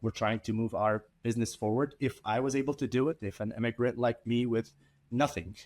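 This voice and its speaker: A man's voice: mid-range voice, fairly quick. A man from Iraq, founder of an IT services company, speaking earnestly as an interview guest with a few repeated starts. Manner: earnest, steady, some repeated word starts. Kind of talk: conversational interview.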